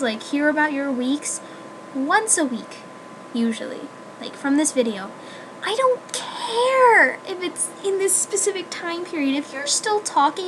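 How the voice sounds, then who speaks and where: A woman's voice: very high voice, background noise. A young woman, a college student, chatting casually to her viewers in a rambling way full of fillers. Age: young adult. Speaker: student vlogger. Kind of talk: casual chat to camera.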